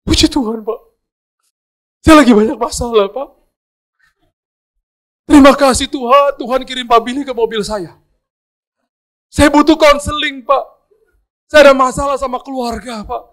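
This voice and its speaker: A crying young driver begs for help in a high, strained, trembling voice, as a preacher acts him out in a story. His voice leaps well above the storyteller's usual pitch. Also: fast talker, vocal fry, hardly any pauses, a bit bright, heavily acted. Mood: tearful pleading. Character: tearful young male driver pleading for help.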